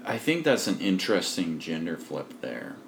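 A man's voice: sits low, very animated, normal speed, vocal fry, slight background noise. A man in casual podcast chat, reflective and asking thoughtful questions. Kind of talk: casual chat about a cartoon.

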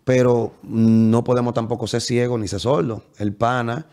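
A young man with a Dominican accent, a musician talking in a casual interview, animated and boastful, often talking over the host. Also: medium pitch, normal speed.

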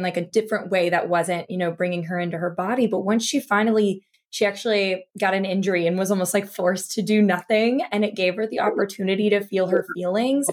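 A young woman hosting a podcast interview, thinking aloud in a reflective way with lots of "like" and "you know". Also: medium pitch. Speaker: podcast host.

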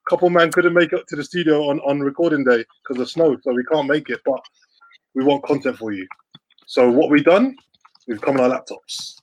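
A young man with an urban London roadman accent, hosting a casual podcast in an animated, slangy way. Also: on the high side, fairly quick, poor audio. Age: young adult. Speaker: podcast host. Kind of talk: casual group banter and hosting. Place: indoors at home, on a laptop video call.

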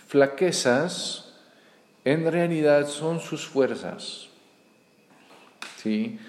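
Slow-speaking man preaching in an echoey hall. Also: mid-range voice. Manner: conversational, with frequent tag questions. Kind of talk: sermon. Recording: echoey hall with long reverb.

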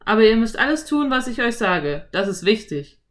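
Woman doing a loud easygoing cowboy. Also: fairly high pitch, sing-song, moderate pace, voice pushed up. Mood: self-assured. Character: lanky friendly adult male cowboy, easygoing. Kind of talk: audiobook character voice.

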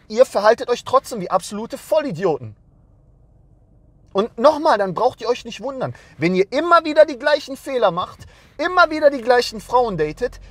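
Fired-up ranting man, lively high voice. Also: no room sound. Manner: blunt, fired-up, scolding. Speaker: dating coach YouTuber. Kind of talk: ranting monologue to camera.

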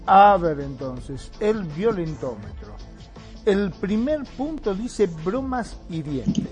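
A man with a Rioplatense Spanish accent, chatting casually as co-host and telling a story in a lively way. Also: high-pitched, slow pace, soft background music. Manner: animated storyteller, acts out quoted shouts. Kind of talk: casual chat.

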